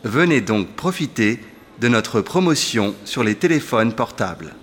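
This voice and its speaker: A man reading a formal promotional announcement over a store loudspeaker. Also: mid-range voice, big pitch swings, measured pace. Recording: long store-hall reverb, faint ambience.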